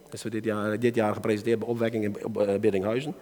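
A man with a Dutch accent preaching a sermon to a church gathering, swinging between soft asides and loud calls to his listeners. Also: lowish voice, little pitch movement, quick pace. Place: church hall. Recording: reverberant hall.

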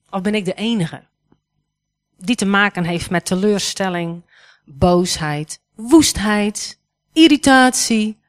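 Woman, 40s, guest preacher, chatty sermon delivery with frequent questions to the room. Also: mid-range voice. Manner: conversational, asks the congregation questions. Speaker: guest speaker. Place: church hall.

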